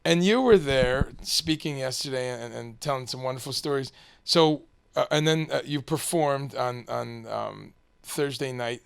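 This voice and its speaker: A man hosts a casual interview in a mid-pitched voice with plenty of vocal fry. He talks in a hesitant, rambling way, circling toward his point. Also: unhurried, hardly any pauses.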